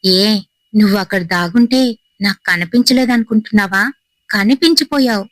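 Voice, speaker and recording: A woman's voice: medium pitch, normal speed, no room sound, close to an everyday voice. A woman voicing a cruel, shape-shifting vengeful ghost who taunts her victims in a spoken horror story. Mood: taunting. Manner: taunting, mocking.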